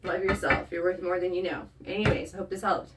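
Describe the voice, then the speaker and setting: A woman's voice: fairly low pitch, level tone, brisk, very noisy. A woman giving a casual tarot reading straight to the viewer, blunt and profane, often checking in with "okay?". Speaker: tarot reader. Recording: voice a bit far from the mic.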